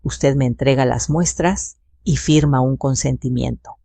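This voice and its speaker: An older woman voicing a calm, formal female health investigator who speaks in measured, procedural terms. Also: a bass voice, creaky, husky, dry recording, heavily acted.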